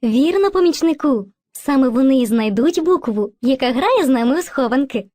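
A woman's voice: high-pitched, lively intonation, moderate pace, no room sound. A woman voicing Movka, a kind female spirit of language who teaches and narrates patiently in an educational cartoon. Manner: patient, gently instructive, addresses children fondly.

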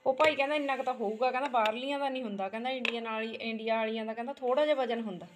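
High-pitched chatty Punjabi woman vlogger. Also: fairly even intonation, racing. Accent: Indian Punjabi. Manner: chatty, often seeks agreement with tag words. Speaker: family vlog host. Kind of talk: casual chatty home vlog. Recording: echoey room, faint background noise.

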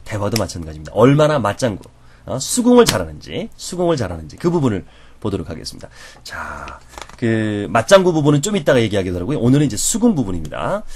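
A man lecturing as a professor on conversation skills, animated and acting out reactions as he explains. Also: on the low side, quick pace, a little hiss or hum.

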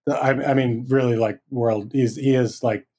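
A man talking casually as a podcast guest, relaxed and rambling, with fillers and restarts. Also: medium pitch, normal speed, husky. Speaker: guest, hardware designer. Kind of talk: casual interview chat.

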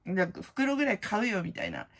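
A middle-aged woman hosting her own channel, chatting casually in a blunt, slangy way full of fillers, and loud-voiced by her own account. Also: medium pitch, wildly swooping pitch, brisk. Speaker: prize-winning vlogger host. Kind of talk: casual chat.

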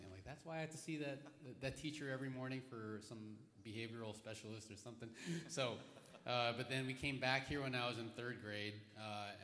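A man in his thirties, a pastor from the Philippines, telling his story in a relaxed way with many fillers, speaking on a church stage into a handheld mic. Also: on the low side. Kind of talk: answering questions on stage. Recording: echoey hall with long reverb.

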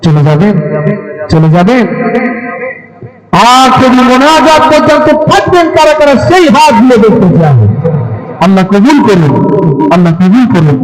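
A man's voice: very high voice, big pitch swings, moderate pace, long pauses, rough recording. A man at a religious gathering who speaks from the stage through a microphone and sound system, calling out to the crowd to answer him, then singing a devotional song. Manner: rousing, calls out to a crowd. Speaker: gojol singer at a religious gathering. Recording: music clearly behind the voice. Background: music.

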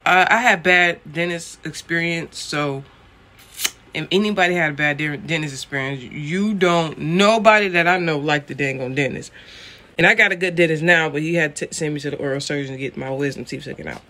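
A man's voice: a little high, brisk, bright, forceful tone. A man in his late twenties chatting animatedly to his viewers in a casual vlog, calling them y'all. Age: late 20s. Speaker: vlogger.

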